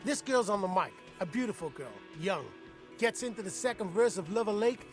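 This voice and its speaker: An actor playing a crude, excitable male dockworker in a video game. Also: high-pitched, brisk, faint music behind. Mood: agitated. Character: agitated male dockworker barfly storyteller.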